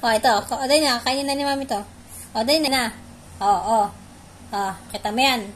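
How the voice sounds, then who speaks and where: A woman's voice: high-pitched, a little fast, a little hiss or hum. A woman playfully teasing her pet dog, repeating short commands and questions in a coaxing way. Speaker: pet owner.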